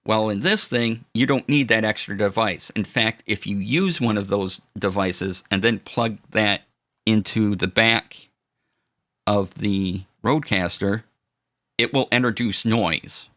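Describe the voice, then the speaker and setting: This is a relaxed live-stream demo where a man with a deep-set, low voice talks about audio gear. He hesitates, restarts, and leans on fillers throughout. He says hello to chat viewers warmly, recorded through a studio dynamic mic.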